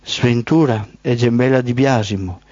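A man's voice: mid-range voice, moderate pace, darkish tone, no echo, lightly acted. A man voicing Night, an ancient goddess who is the mother of Misfortune, speaking in a solemn, oracular way. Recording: dull, dry lo-fi.

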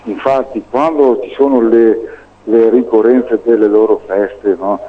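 A man calling in to a radio show over the phone, talking in a halting way, repeating words and tagging sentences with "no?". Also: fairly low pitch, fairly even intonation. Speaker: radio call-in caller. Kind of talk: call-in opinion monologue. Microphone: telephone. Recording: tinny phone line.

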